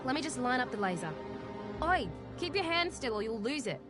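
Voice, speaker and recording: A woman's voice: high-pitched, sing-song, a little fast, over music. A woman playing a brash, cagey young tech tinkerer in a video game, with a sarcastic, cheeky, slangy delivery. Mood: brisk, bossy.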